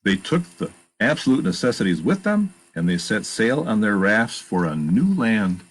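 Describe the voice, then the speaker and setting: A man with a lowish, breathy voice reads a children's picture book aloud at a normal pace, his pitch swinging widely as he performs it expressively. He's a storytime reader and narrator who drops in plain comments about the pictures.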